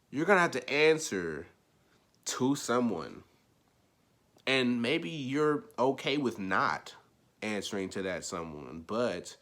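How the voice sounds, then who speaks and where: A young man with a very low voice and a bright, forceful edge, ranting casually to his viewers. He rambles and repeats himself. He drops to low mumbles, then punches out loud, emphatic lines. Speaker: vlogger. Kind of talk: casual opinion rant.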